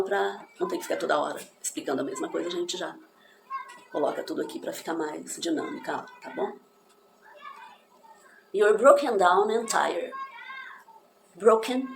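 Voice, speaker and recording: Gravelly-voiced woman teaching in an echoey room. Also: lowish voice. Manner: encouraging, reflective, spells out pronunciations. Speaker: English teacher. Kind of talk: motivational English lesson. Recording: echoey room with faint background noise.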